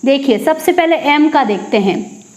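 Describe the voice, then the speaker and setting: A woman teaching English at a board, slowly repeating each word and then answering her own questions. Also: high-pitched, animated, darkish tone, reverberant. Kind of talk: classroom lesson. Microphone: teaching at a board with a marker.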